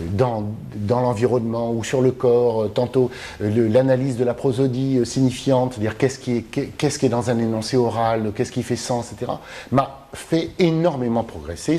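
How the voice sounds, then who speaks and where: A man's voice: fairly low pitch, warm tone. A man who works as a film translator and teacher, answering interview questions in a thoughtful, hesitant way with many fillers and restarts. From Mediterranean. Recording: faint background noise.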